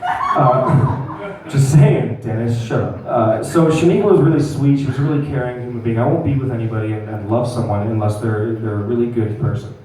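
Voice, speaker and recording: A man's voice: mid-range voice, a little fast, darkish tone, very echoey, distant mic, rough recording. A young man doing a crude, rambling stand-up comedy set at a comedy club and talking back to the crowd. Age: young adult.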